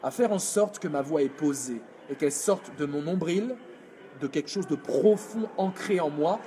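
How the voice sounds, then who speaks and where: A man coaching public speaking in a live video workshop, energetic and demonstrative, answering viewers' comments. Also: a little high, normal speed, a little hiss or hum. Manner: energetic, demonstrative, reads chat comments aloud.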